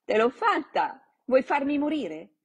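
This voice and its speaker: A woman's voice: high voice, very animated, measured pace, pitched above the performer's own voice, heavily acted. A woman voicing a cheeky five-year-old orphan boy in a storybook reading. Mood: teasing.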